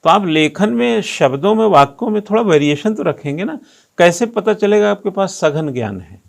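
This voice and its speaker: A man's voice: high voice, animated, moderate pace, creaky. A male coaching teacher giving a classroom lecture, firing rhetorical questions at students and teasing them while he drills pronunciation.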